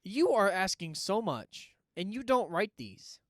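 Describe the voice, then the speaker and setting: A man's voice: sits high, very animated, unhurried, no room sound, studio quality. A man co-hosting a casual horror podcast, talking in a playfully grumpy way and swearing a lot. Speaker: podcast co-host. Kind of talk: casual chat.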